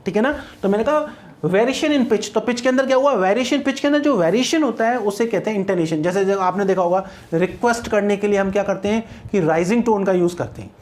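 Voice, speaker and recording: A man's voice: high voice, quick pace. A man with an Indian English accent teaches phonetics to exam candidates. He explains step by step and repeats key points, and he keeps stopping to ask whether the class is following. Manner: explains patiently with checking asides and repetition. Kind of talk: exam-prep lecture in Hindi mixed with English.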